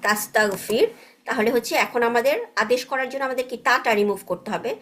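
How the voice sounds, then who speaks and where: A woman teaching Arabic grammar in an online class, patiently checking understanding with frequent tag questions and mixing English words into her explanations. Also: a little high.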